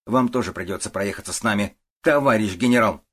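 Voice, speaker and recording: A man's voice: on the low side, a little fast, a bit bright. A man voicing a pushy, commanding woman with powerful connections who talks in an insistent, threatening way, in an audiobook.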